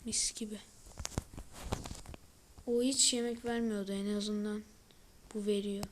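Slow-talking excitable woman commentating a game. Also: medium pitch, a little hiss or hum. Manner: excitable running reactions to the screen; often drops into a whisper. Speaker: gaming video creator. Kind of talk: let's-play game commentary.

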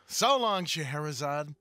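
Salem, wisecracking cat. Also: male voice, on the high side, sharp tone, dry recording, heavily acted. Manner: sardonic, dry wisecracks.

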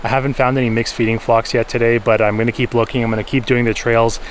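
A man in his thirties talks quickly to his camera in an informal, enthusiastic way. His pitch is middling and he explains things like a wildlife photographer vlogging from the jungle. Faint outdoor noise sits behind his voice. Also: flat delivery, rough recording. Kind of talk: explanatory vlog talk to camera. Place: outdoors in jungle, orchard and by a river.

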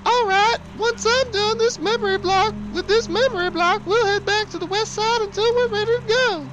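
A man doing a high falsetto voice for a sassy gangster's girlfriend, exaggerated and joking. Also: normal speed, noisy background.

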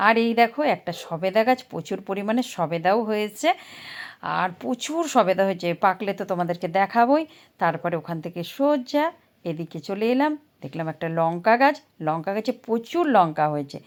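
A woman's voice: mid-range voice, animated, fairly quick. A woman narrating a casual mini-vlog outdoors, chatting to viewers in a coaxing show-and-tell way with many little questions. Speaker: vlogger and content creator. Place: outdoor garden.

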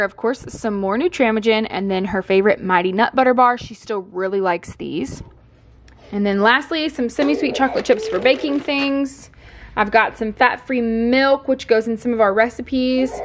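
Slightly high and fairly bright, the voice belongs to a Texan woman in her twenties who makes lifestyle vlogs. She talks casually and cheerfully to a tripod camera positioned across her home kitchen, gesturing as she goes, with a bit of background noise in the recording.

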